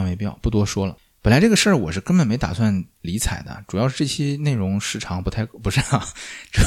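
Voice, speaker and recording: A man hosting his own jazz podcast, narrating music history in a chatty, colloquial way and slipping into exasperated asides. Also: on the low side. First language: Chinese. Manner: chatty, colloquial storytelling, turns animated and exasperated when ranting.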